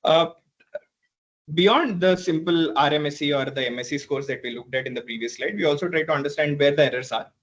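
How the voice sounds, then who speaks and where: A man presenting a PhD thesis defense in a halting, hedging academic way, often repeating words and clearing his throat. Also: fairly high pitch, a bit bright. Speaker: PhD candidate.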